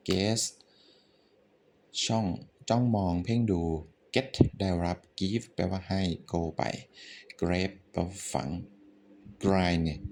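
Low gravelly Thai-accented man teaching. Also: a little hiss or hum. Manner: relaxed, thinks aloud, swears casually. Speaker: English vocabulary teacher. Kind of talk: casual spoken vocabulary lesson.

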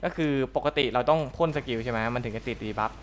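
Young male gaming host, mid-pitched, casual tutorial commentary that thinks aloud and self-corrects. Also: brisk, slight background noise.

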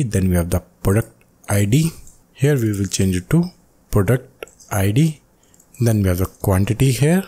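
Low, mellow-voiced man teaching code. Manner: slow, step-by-step dictation of code. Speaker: coding tutorial host. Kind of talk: screen-recorded coding walkthrough. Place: voice-over on a screen recording.

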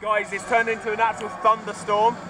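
A man's voice: high-pitched, completely flat delivery, crowd noise, background noise. Upbeat young man vlogging. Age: young adult. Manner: upbeat, chatty, quick. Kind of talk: casual vlog narration. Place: outdoors on city streets and a rooftop. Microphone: handheld camera at arm's length.

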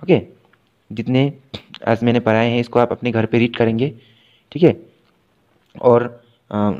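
A man teaching an English grammar class, explaining patiently and repetitively, checking in often and reading English examples slowly before translating them. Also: medium pitch, steady tone, a little mellow, highs cut off. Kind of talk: recorded class lesson.

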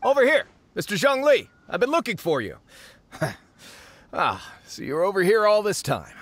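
An actor playing a smooth, slippery male foreign researcher in a game, glib and persuasive. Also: high voice, wildly swooping pitch, moderate pace, fairly bright tone, dry recording, exaggerated voice.

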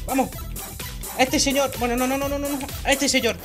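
A high-voiced woman with a Spain Spanish accent commentates on a video game. She gets excitable, shouting and laughing as she plays. Soft game music hums behind her. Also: a little fast. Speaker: gaming youtuber.

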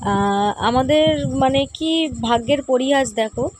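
A woman's voice: high-pitched, normal speed, slight background noise, low-quality recording. A woman with a Kolkata Bengali accent chatting casually to her viewers in a vlog, confiding and often calling them friends. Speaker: vlogger.

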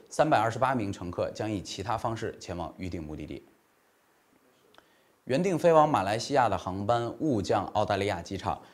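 A man's voice: on the low side, darkish tone. A man in his thirties reading scripted news as a formal anchor, recorded on a lapel mic in a small studio.

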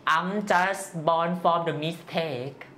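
Speaking halting, simple non-native English with a Thai accent, an interview guest from northeast Thailand gives personal answers. The voice is medium-pitched, bright, and forceful.

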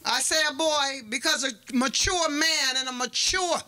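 A woman's voice: high voice, normal speed, bright, forceful tone, poor audio. Fervent grieving mother at a podium. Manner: fervent, preaching cadence. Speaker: grieving mother giving public comment. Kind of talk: impassioned public comment. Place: community meeting hall. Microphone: podium microphone.

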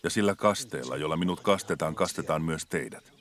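A man voicing a calm grown male teacher and healer in dubbed film dialogue, speaking in an earnest, measured way. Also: extremely low pitch. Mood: gentle. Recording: music playing clearly under the voice.

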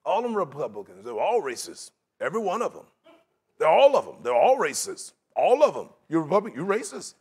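A man's voice: on the high side, sing-song, brisk, darkish tone, breathy edge. A middle-aged man preaching a sermon in a large church sanctuary, talking in a conversational way and slipping into mocking voices for his examples.

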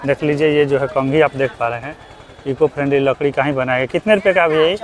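A young male vlogger from Bihar, India, narrates while walking among the stalls of an outdoor crafts fair, repeatedly and loudly asking vendors for prices. He talks fast in a mid-range voice over crowd noise, picked up by a clip-on lapel mic.

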